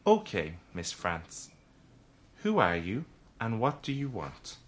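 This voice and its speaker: A man's voice: mid-range voice, animated, a bit bright. A haughty little leprechaun in green, played by a man sneers his way through every line. His voice swoops up and down in mockery, and he takes his time. It is a scornful audiobook character. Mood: calmer, slow. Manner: sarcastic, scornful, slow and drawn-out when asked. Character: small mocking male leprechaun in green.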